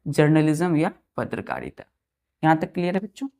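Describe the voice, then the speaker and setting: A woman's voice: low voice, huge pitch swings, brisk, gravelly, warm tone. A woman teaching a vocabulary lesson, spelling words letter by letter and patiently repeating them for children.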